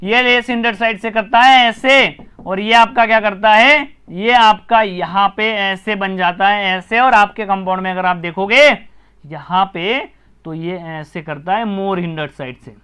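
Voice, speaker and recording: Indian guy teaching a live online class, really high voice, smooth and clear, keeps repeating stuff and telling people to comment. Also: bright, forceful tone. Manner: brisk, repetitive, urging viewers to comment and share. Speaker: chemistry teacher.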